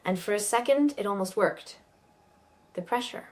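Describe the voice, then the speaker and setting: A woman narrating a first-person story in a measured, subdued way. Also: mid-range voice, expressive.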